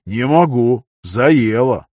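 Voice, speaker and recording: Give me a man playing a lazy, insolent gate guard in an audiobook, husky and offhand. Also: medium pitch, animated, slow, a little mellow, no room sound, clean studio sound.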